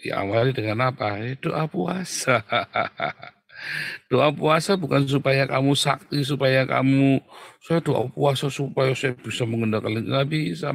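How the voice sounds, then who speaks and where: A man preaching a sermon in a casual, animated way, often calling out to his listeners and acting out little quoted exchanges. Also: creaky, no room sound, studio quality. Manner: animated, jumps to loud high exclamations and acted quotes; colloquial, addresses listeners as Saudara. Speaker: pastor.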